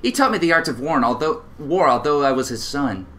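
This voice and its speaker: A man playing a blunt young swordswoman, brisk and no-nonsense. Her voice stays close to his own, with a lively rise and fall. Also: fairly high pitch, a little hiss or hum. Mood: blunt serious.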